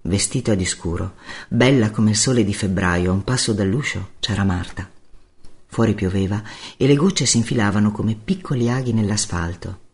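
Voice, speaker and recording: A man's voice: fairly low pitch, normal speed. A man narrating a first-person novel as an audiobook, in a wry, laconic storytelling manner.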